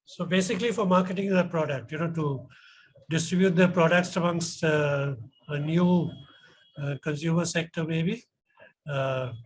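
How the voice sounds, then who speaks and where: A middle-aged man with an educated, polished Indian accent, giving measured, hesitant feedback and questions as a competition judge. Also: a little high, low-quality recording.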